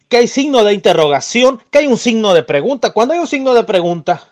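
Male preacher, high voice, scolding and insistent. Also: darkish tone. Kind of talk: heated Bible rebuttal.

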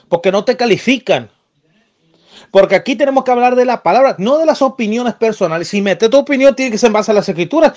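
High-voiced scolding preacher man. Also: darkish tone. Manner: scolding, insistent, repetitive. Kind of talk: heated Bible rebuttal.

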